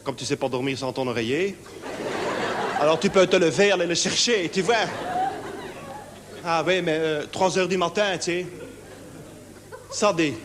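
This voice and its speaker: Actor doing a high-strung Belgian insomniac, rambling with tics, live in a reverberant theatre. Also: male voice, moderate pace, pauses often, a crowd in the background, noisy background, natural voice. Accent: Belgian French. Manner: fidgety, rambling, full of verbal tics. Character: nervous naive lonely insomniac man. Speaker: stage comedian. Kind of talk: one-man stage show. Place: theatre stage with live audience.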